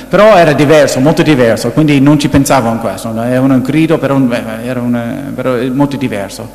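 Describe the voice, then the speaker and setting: A man, seemingly a priest, quietly telling a personal story in a sermon, recorded in an echoey hall. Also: medium pitch. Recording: echoey hall with long reverb.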